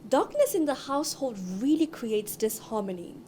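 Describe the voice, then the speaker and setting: High mellow-voiced woman expert. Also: very animated, moderate pace, a little hiss or hum. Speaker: interviewed expert.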